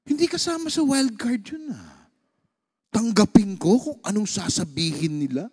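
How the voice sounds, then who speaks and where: This pastor's high-pitched voice has a breathy edge, and he talks at a moderate pace. Preaching with a Filipino accent, he shares a personal story in a lively way, mixing Tagalog and English.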